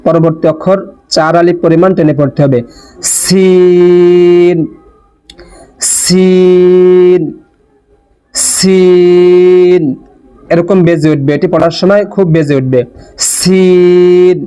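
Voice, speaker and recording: A man teaching letter pronunciation in a slow lesson, repeating and drawing out each sound with care. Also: on the high side, darkish tone. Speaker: Quran teacher. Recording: dull lo-fi recording.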